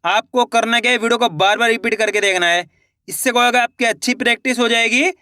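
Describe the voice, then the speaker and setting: A man teaching children to read, sounding out each syllable slowly before saying the whole word, and encouraging viewers as friends. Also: very high voice, pushed and bright, no echo, studio quality. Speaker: Hindi reading teacher. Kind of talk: slow syllable-by-syllable reading lesson.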